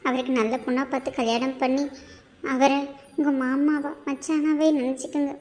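A woman's voice: sits high, fairly even intonation, normal speed, darkish tone. A woman voicing a remorseful young pregnant wife in a cartoon, talking in a tearful, pleading, self-blaming way. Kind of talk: amateur cartoon voice acting.

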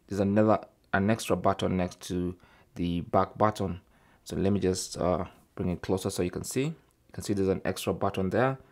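His low-pitched voice has a darkish tone as he narrates a tech tutorial step by step. The man's style is informal but methodical, and "okay" regularly gets tagged onto his phrases.

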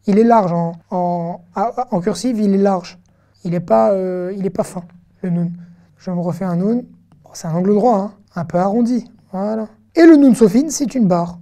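A woman's voice: medium pitch, dark tone. A woman teaching an online Hebrew lesson, explaining patiently and drawing out syllables to model pronunciation. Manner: frequent fillers and restarts, friendly conversational asides.

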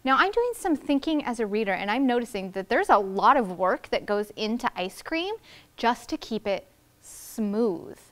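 A woman's voice: fairly high pitch, very animated, moderate pace. A woman in her thirties giving a read-aloud lesson to young children as a teacher, carefully enunciating the big words. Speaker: first grade teacher. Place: indoors in a classroom.

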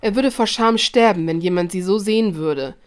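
A woman narrating a fan fiction audiobook in a lively read-aloud voice, with occasional slips and restarts. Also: mid-range voice, moderate pace, smooth.

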